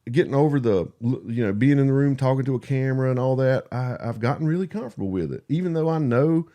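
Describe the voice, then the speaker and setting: A man speaks in a country drawl at a middling pitch. His talk is casual and confessional, with halting repeats, self-deprecating remarks and loose swearing, like a guest on a relaxed podcast. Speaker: podcast guest and YouTube creator. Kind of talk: casual, candid conversation.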